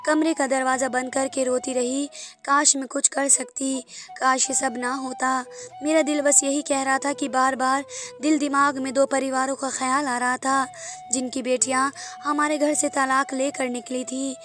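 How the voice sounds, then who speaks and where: A woman's voice: high-pitched, flat delivery, a little slow, fairly bright tone. A woman narrating an emotional first-person story in a sorrowful, heartfelt way. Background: faint music.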